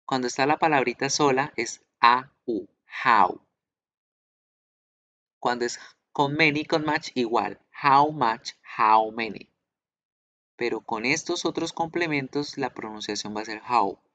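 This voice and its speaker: A man's voice: mid-range voice, normal speed, fairly bright tone, no echo, lo-fi sound. A man teaching an online English class, explaining patiently and repeating pronunciation drills aloud.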